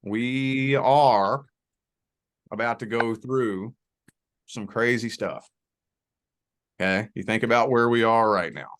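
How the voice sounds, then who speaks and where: This man has a medium-pitched, fairly bright voice and a Southern accent from Southern Indiana, near Louisville, Kentucky, on the Indiana and Kentucky border. As a guest on a video call, he gives a folksy, reassuring tarot reading with drawn-out emphasis, mixing spiritual conversation with the cards.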